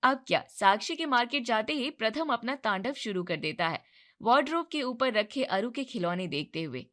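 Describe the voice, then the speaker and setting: A woman's voice: fairly high pitch, expressive, moderate pace, pushed and bright. A woman narrating a family story in a plain storytelling manner. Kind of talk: scripted narration.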